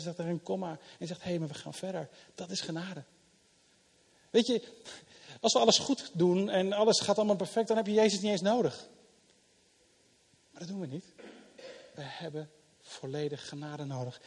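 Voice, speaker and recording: Husky-voiced pastor preaching in a reverberant hall. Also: male voice, on the high side. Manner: conversational preaching, swinging between loud emphasis and soft asides. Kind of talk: sermon. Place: church hall.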